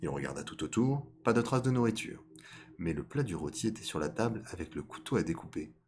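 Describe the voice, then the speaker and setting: A man's voice: low-pitched, big pitch swings, a little fast, a little mellow, slight background noise. A man streaming a live reading of a folk tale, stopping now and then to comment on his character voices.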